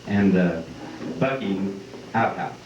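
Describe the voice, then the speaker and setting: A man's voice: deep voice, slow. A man with a cowboy drawl, hosting and reciting folksy comic verse at a live event. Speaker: event host and cowboy poet. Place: live benefit event before an audience. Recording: distant, echoey, muffled live hall with noise.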